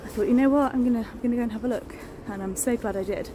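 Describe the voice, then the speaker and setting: A chatty woman filming a nature walk for her casual vlog speaks rapid-fire in a voice on the high side, enthusiastic and full of fillers. She walks through woodland and onto a beach with her phone held at arm's length. The noisy outdoor phone audio carries distant planes and outdoor ambience.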